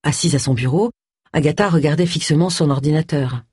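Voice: mid-range voice, a little fast, slightly rough, no room sound, studio quality. An audiobook narrator reading a novel aloud in a scripted narration style, changing the voice for each character. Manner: expressive, shifts voice for each character.

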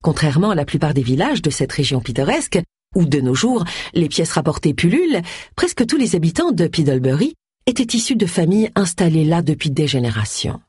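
A woman narrates an audiobook in a wry, lively storytelling voice. Her voice is husky and lowish, moving widely in tone. The recording is dry and close. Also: brisk, no room sound. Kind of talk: scripted narration.

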